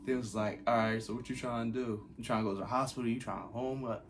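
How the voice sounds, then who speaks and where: A man's voice: mid-range voice, fairly even intonation, quick pace, a little hiss or hum. A young man casually telling a personal story, loose and slangy. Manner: laid-back slangy retelling. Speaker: vlogger.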